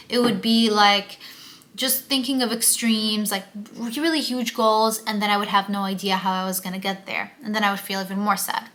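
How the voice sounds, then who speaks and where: A young vlogger talks candidly to camera in a casual confessional video, open and emotional, with frequent fillers like "um" and "like." Her voice is a little high, bright and pushed.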